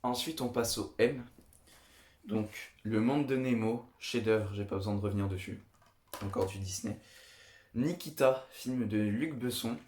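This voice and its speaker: A man's voice: on the low side, measured pace, a little mellow. A young man chatting enthusiastically and casually about his film collection as a video host. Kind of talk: casual film review monologue. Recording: echoey room.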